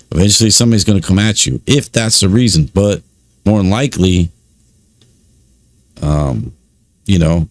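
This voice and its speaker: A man's voice: deep voice, dry recording. A man giving casual commentary, reading out records with many fillers and informal asides. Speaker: YouTube commentator on prison news.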